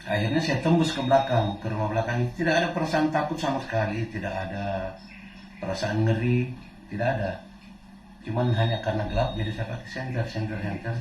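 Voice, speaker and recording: Man telling a story from afar in a roomy space. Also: lowish voice. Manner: halting, repeats phrases, clears throat. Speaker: storyteller guest recounting a true experience. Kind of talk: casual spoken storytelling. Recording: roomy, distant mic, faint background noise.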